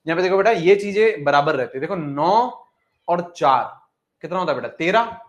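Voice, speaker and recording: A man's voice: fairly high pitch, animated, normal speed. A young man teaching chemistry, coaxing and repeating phrases as he asks questions and answers them himself. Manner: mixes English terms into the talk, calls students "beta". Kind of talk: classroom lecture.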